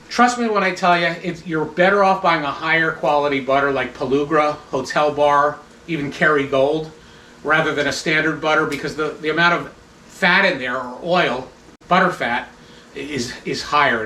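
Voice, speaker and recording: Man chef, higher-pitched voice, calm instructive demo, a bit away from the mic in a roomy kitchen. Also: slight background noise. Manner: instructive, relaxed, with restarts. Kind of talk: cooking demonstration. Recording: echoey kitchen, mic at a distance. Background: sizzling pan sounds.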